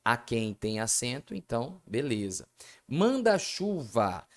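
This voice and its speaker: A Brazilian-accented man talks his way through exam questions in a video lesson, his pitch rising and falling a lot. He speaks to the audience in a chatty way and answers his own rhetorical questions. His voice sits at a middling pitch. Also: big pitch swings, moderate pace. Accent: Brazilian Portuguese. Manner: asks rhetorical questions and answers them himself; chatty, addresses viewers as "gente". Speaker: Portuguese language teacher.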